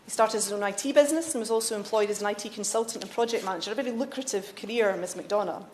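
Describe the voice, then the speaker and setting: A woman's voice: medium pitch, very fast, echoey room, noisy background. A woman member of parliament giving an earnest, insistent debate speech, with stumbles and self-corrections. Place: debating chamber.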